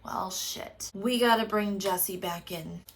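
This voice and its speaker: A woman's voice: mid-range voice, slow, a little hiss or hum. Woman podcast host, sarcastic casual recapper who swears and animates the quoted dialogue.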